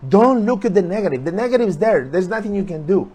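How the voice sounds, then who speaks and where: High-voiced earnest motivational man. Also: expressive, fast, dark tone, slightly rough. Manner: earnest, repetitive, urging viewers. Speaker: motivational speaker. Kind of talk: motivational talk on a live stream.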